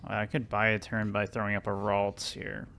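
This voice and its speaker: A man's voice: lowish voice, monotone, moderate pace, creaky, fairly bright tone, slight background noise. A man chatting casually while playing a card game, working through his options aloud and laughing easily. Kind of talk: casual gameplay chat.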